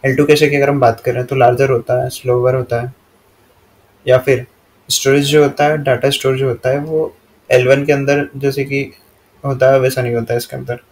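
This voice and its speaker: Flat-voiced Indian man teaching. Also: medium pitch. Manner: steady monotone, reads English slide lines slowly then explains. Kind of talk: explaining slides in a lesson.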